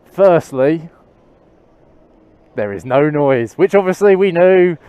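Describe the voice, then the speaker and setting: A man giving chatty, excitable commentary while riding a motorcycle, through a helmet-mounted mic. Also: fairly high pitch, takes it slowly, clean tone, no room sound, phone-quality sound. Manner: chatty, excitable, many restarts and laughs. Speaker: motorcycle vlogger. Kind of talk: casual moto-vlog commentary while riding. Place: outdoors on a motorcycle in traffic. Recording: faint road and traffic noise.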